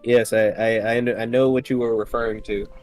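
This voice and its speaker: A man's voice: mid-range voice, level tone, fairly quick, a little mellow, faint music behind. A young man co-hosting a visual novel read-through, chatting in a dry, laid-back way. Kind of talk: casual chat.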